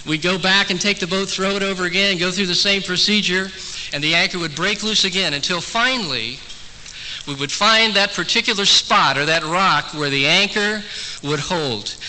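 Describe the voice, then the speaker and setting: A man's voice: high-pitched, normal speed, bright, forceful tone. A male pastor preaching a sermon in a church, telling stories with humor. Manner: storytelling, humorous. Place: church in Hong Kong. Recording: echoey church hall, faint tape hiss.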